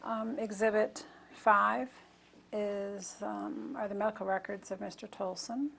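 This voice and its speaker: A woman gives formal testimony in a creaky, medium-pitched voice. She answers in a halting, matter-of-fact manner, with faint noise around her. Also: fairly even intonation, fairly bright tone. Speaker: nurse expert witness. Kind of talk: deposition testimony.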